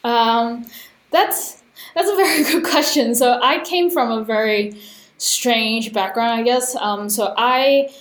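A young woman raised in Australia and Hong Kong appears as a guest in a casual interview, speaking thoughtfully with many fillers. Her voice is on the high side and slow, with a reverberant sound.

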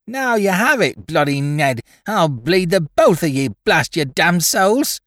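A man voicing a drunken, vicious boy pirate with a shrill, cursing voice. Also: animated, unhurried, fairly bright tone, dry recording, studio quality. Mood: drunken threatening.

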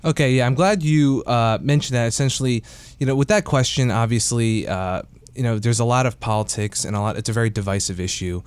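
The host of an investing podcast, a man with a mid-range voice, talks a little fast with a clean tone. He keeps it casual and conversational, with plenty of "uh" and "you know" fillers.

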